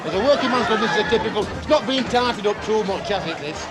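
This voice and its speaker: A man's voice: sits high, expressive, fast, very noisy. A man with a Yorkshire accent presenting and interviewing in a jokey, plain-spoken way. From Barnsley, England. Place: working men's club. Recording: busy club with music and crowd.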